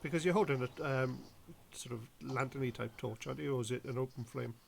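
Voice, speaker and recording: A man running a tabletop game as game master, hesitant, with many pauses and restarts. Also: medium pitch, creaky. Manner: hesitant, lots of ums and restarts.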